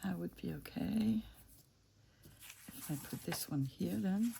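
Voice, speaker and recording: A woman's voice: fairly low pitch, a little slow, vocal fry, warm tone, a little hiss or hum. A woman vlogger from France and Italy, thinking aloud and chatting to her craft materials, often dropping to a whisper. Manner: muses aloud, talks to her craft pieces, drops into whispers. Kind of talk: casual talk-along while crafting.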